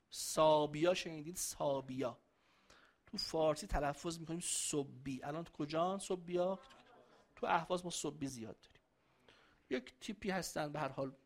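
High-voiced man giving a lecture. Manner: conversational, jokes with audience, recites Arabic verses. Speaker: religious lecturer. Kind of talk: religious lecture to a live audience.

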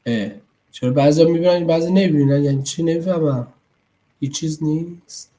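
A man's voice: fairly high pitch, mellow. A man teaching parents in an online class over a computer mic. He explains in a conversational way and often checks in with his listeners. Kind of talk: online lecture.

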